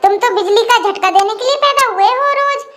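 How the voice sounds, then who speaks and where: A high voice doing a sharp-tongued bossy wife. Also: fairly quick, background noise. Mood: snappy. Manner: snappy retorts.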